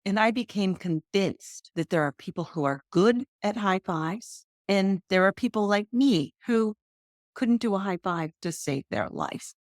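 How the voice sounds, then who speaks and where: Speaking a little slowly, a female podcast host recounts personal stories, chatty and poking fun at herself, her pitch leaping about lively. The studio sound is clean, with no room sound.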